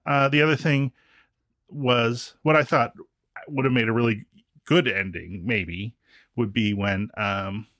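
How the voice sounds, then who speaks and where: A man's voice: medium pitch, a little slow, fairly bright tone, no room sound, clean studio sound. A man in his forties co-hosting a podcast, chatting casually about a book in a wry, rambling way that keeps interrupting itself. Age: 40s. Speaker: podcast co-host.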